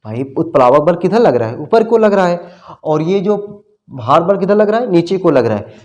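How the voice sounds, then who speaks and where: A man with a somewhat high voice teaches a physics lesson. He is friendly and colloquial with his students, and he keeps asking questions and answering them himself. He repeats each key term as he writes it down. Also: darkish tone. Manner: friendly and colloquial, calls students "bhai" and "babu". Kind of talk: classroom-style lecture at a board.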